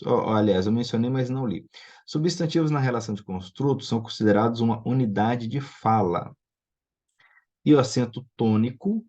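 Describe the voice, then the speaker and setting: A man's voice: medium pitch, warm tone, husky. A man teaching a recorded online lesson, explaining patiently and often checking in with his students. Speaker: Biblical Hebrew teacher. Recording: dull lo-fi recording.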